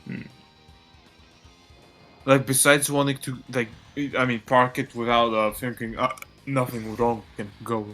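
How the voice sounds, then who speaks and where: A man's voice: mid-range voice, flat delivery, unhurried, pauses often, a bit bright, soft background music. A man hosting a game live stream in casual chat, rambling with a slurred-sounding delivery while hiccuping.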